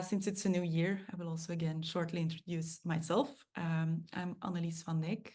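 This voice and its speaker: Woman host, low register, introducing speaker on a video call. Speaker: host, project manager. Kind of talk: online lunch talk introduction.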